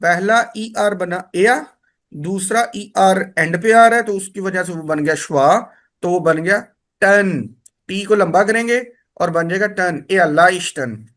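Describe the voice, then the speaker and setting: A man, teaching a spoken lesson and repeating words slowly to drill each sound. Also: high-pitched, fairly bright tone. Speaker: language teacher.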